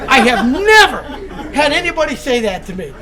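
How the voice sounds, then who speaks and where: A man with a notably high voice tells a comic story to a room full of people. He chuckles as he goes and trips over his own restarts. A crowd laughs loudly in the background. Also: sing-song, fairly quick. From Florida. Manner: chuckles through his telling, stumbling restarts. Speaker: recovery meeting speaker. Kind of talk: humorous storytelling to an audience.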